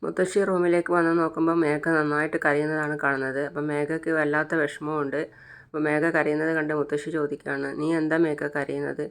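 Monotone Malayali vlogger. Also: medium pitch, fast, clean tone. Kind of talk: retelling a TV serial episode.

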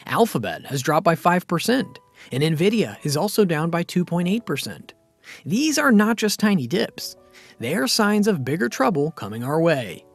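With a gravelly, slightly high voice and a lively pitch range, a man narrates a scripted finance explainer at a moderate pace. His delivery is steady and explanatory, and soft music plays faintly beneath him.

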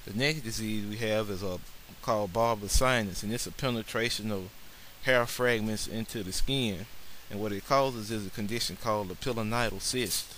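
A man's voice: on the low side, normal speed, hardly any pauses, fairly bright tone, slight background noise, rough recording. A man narrating a slideshow lesson on barbershop sanitation in an earnest way, with many filler words. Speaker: barber instructor.

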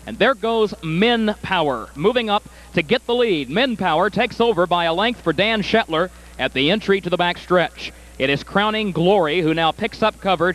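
A man working as a harness race caller, giving live commentary with clearly announced names and positions. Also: high voice, fairly bright tone, poor audio.

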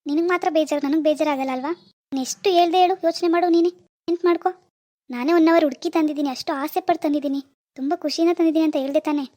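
A stern young cartoon husband , as a woman puts him on, pushed lower than the rest of her cast. His delivery is firm and level, scolding and then calming. He speaks briskly. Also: lightly acted.

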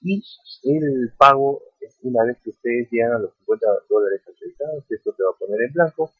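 A man with a mid-range, breathy voice talks briskly through a website in a screen-recorded tutorial, recorded at his computer as a voice-over. As an online earning vlogger, he frequently checks in with "ok?" and calls his viewers friends. The dry, tinny, phone-like recording has no echo.

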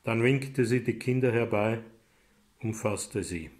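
Male author from Austria reading his own story; slow, deliberate and dramatic. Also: lowish voice. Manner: measured and dramatic, rising in loud passages. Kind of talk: literary reading.

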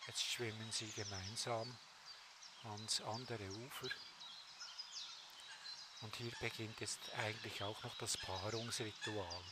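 Slow-talking man narrating a nature documentary. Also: lowish voice, fairly even intonation, very noisy. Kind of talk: unscripted nature documentary commentary. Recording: music behind the voice. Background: music.

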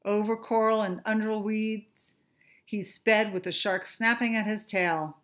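A middle-aged woman, a teacher, reads a storybook aloud to first graders in a small furnished room at home. Her medium-pitched voice moves slowly, with expressive, carefully measured phrasing suited to young children.

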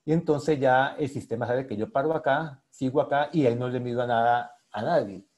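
Enthusiastic Colombian man presenting, mellow voice. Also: mid-range voice, fairly quick. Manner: enthusiastic, addresses audience directly. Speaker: lecturer. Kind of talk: online technical presentation.

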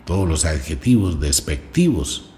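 A man voicing a calm, kindly male master who gives guidance in a told story. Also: rumbling low, unhurried. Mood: guiding.

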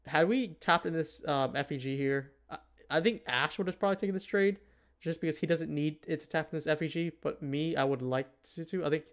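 Clear, smooth-voiced man, casual commentary. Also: fairly high pitch, brisk. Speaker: livestream host, futures trader.

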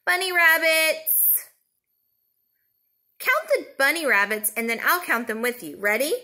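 A woman in her thirties leading a children's counting lesson, talking simply and in a sing-song way as to a toddler, with questions and pauses for answers. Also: sits high, expressive, sharp tone. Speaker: preschool teacher.

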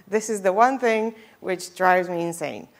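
A young Bulgarian woman with a voice on the low side speaks at an unhurried pace during a conference talk in a lecture hall with a projector screen. Using a headset mic, she stays chatty and casual, with lots of ums and self-deprecating asides.

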